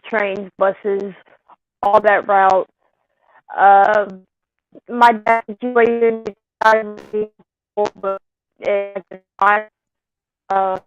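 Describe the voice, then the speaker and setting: A woman calling in to ask for help, speaking in halting, hesitant phrases while her call audio glitches and breaks up. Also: medium pitch, muffled recording. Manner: halting, hesitant speech with trailing words. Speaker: caller asking the community for help. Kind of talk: casual urgent plea. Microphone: remote call.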